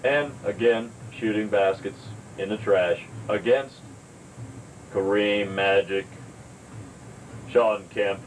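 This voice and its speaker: A young man talks at a crawl, delivering a mock-serious lesson with a straight face. He sits back from the camcorder mic, and a steady hum of air conditioning fills the room. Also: fairly low pitch, far from the mic, rough recording. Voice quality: deadpan, slow and mock-serious. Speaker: home video comedian. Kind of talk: deadpan mock self-help lesson. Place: motel room while out of town. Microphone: camcorder mic from across the room.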